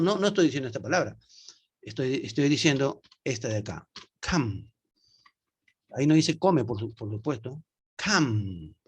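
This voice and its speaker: A man teaches English over a video call, sounding out words slowly and often checking in with "¿no?". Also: mid-range voice, slightly rough. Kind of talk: online class explanation.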